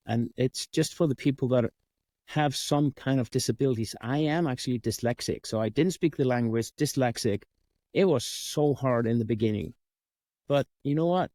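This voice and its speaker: A man's voice: mid-range voice, warm tone, no room sound. A man from Iceland with an Icelandic accent, a coach and sales trainer telling his story as an interview guest, acting out the dialogue as he goes.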